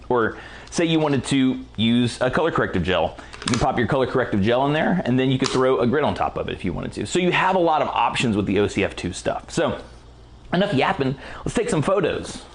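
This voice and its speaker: A man's voice: mid-range voice, fairly quick, slight background noise. Man losing his voice, slangy tutorial. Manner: relaxed, slangy, enthusiastic. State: losing his voice, clearing throat. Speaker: photography lighting instructor. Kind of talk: casual product walkthrough tutorial.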